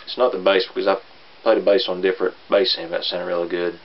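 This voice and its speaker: A man with an Appalachian hillbilly accent giving a casual, rambling gear demo in a halting, self-deprecating way. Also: level tone, noisy background. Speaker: amateur gear reviewer. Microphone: camera on a tripod. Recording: dull lo-fi camera audio. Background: bass guitar and amp sounds.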